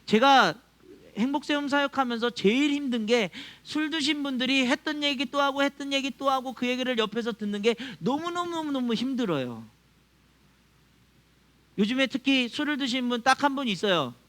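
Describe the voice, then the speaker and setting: A man's voice: extremely high pitch, lively intonation, normal speed, a bit bright. A male pastor preaching a sermon to his congregation, acting out quoted voices and chuckling often. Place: church.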